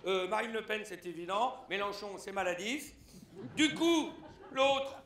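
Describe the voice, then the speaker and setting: High-voiced man doing a satirical stage monologue. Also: measured pace, echoey room, heavy background noise. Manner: animated, breaks into shouted punchlines. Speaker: stand-up satirist. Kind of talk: satirical press review on stage. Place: theatre stage.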